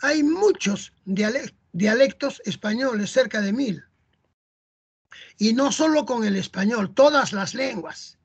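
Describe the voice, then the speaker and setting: In lo-fi sound, a teacher from Peru speaks at medium pitch, slowly and animatedly, with vocal fry and a slightly rough edge. With a Peruvian Spanish accent, the explanation of the lesson is chatty, lines often closing on rhetorical "¿no?" and "¿ah?".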